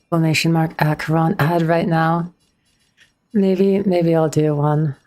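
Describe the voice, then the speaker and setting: A woman with a notably low voice streams a game and chats casually with her viewers. She is a bit awkward and picks up chat messages as she goes, speaking into a streaming microphone. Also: flat delivery, a little slow, a little mellow. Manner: chatty, a bit awkward, reads and answers chat.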